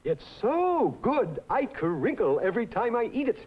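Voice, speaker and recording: A man playing an excitable, hungry circus clown mascot with showy sing-song delivery in a 1950s television commercial. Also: very high voice, measured pace, slightly rough, full character voice. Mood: cheerful selling. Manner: exaggerated, sing-song salesman showmanship. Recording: muffled, lo-fi 1950s television audio.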